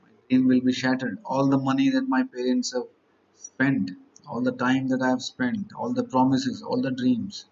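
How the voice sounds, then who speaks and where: A man's voice: mid-range voice, little pitch movement, moderate pace, darkish tone, dull audio. A man, teaching exam candidates in a motivational lecture, stacking up rhetorical questions and repeated lists.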